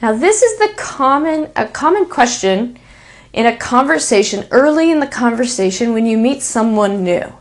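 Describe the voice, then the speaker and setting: A woman from Texas with a Texan American accent, teaching English pronunciation in a patient, deliberate manner and repeating example sentences. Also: on the high side, lively intonation. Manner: repeats example sentences slowly, stressing key words. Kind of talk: slow, deliberate spoken English lesson.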